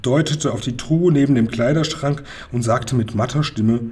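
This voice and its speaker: A man reading a children's book aloud as narrator, in a lively storytelling manner. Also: mid-range voice, moderate pace, breathy edge.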